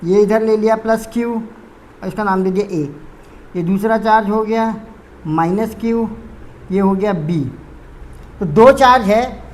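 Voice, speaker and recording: A woman's voice: medium pitch, unhurried, pauses often, a little mellow, a little hiss or hum. A woman teaching a physics lesson. She explains step by step, repeats terms and corrects her own slips.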